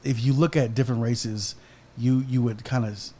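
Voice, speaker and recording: A man's voice: mid-range voice, steady tone, normal speed, mellow. A young man from Kansas, a podcast guest, telling stories casually and checking in with "okay?" and "right?". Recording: faint background noise.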